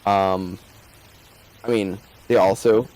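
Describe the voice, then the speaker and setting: A man's voice: lowish voice, fairly even intonation, slow pace, a little mellow, voice pushed down, low-quality recording. A man voicing a flustered, lovelorn young woman who stammers about her dating troubles. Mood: rueful.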